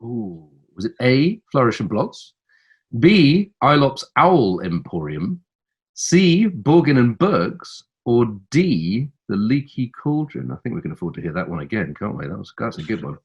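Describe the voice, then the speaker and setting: A man's voice: medium pitch, sing-song, measured pace, darkish tone, slightly rough, lo-fi sound. Theatrical man hosting a quiz. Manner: theatrical, teasing, reads the answer options with relish. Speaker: quiz co-host.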